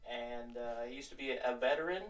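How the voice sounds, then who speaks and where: A man chatting casually on a tabletop game podcast, speaking haltingly and laughing at himself. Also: mid-range voice, rough recording. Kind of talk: casual chat while playing a tabletop game.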